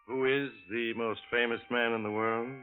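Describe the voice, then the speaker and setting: An American actor playing a sinister yet genial storyteller who hosts a vintage radio suspense show, addressing the listener in a measured, teasing, ominous way. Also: male voice, medium pitch, flat delivery, lightly acted, rough recording. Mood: confiding, teasing. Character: sinister, genial male storyteller, the Mysterious Traveler. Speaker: host and narrator. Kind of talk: 1940s radio suspense narration. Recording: vintage radio broadcast with loud music. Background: loud background music.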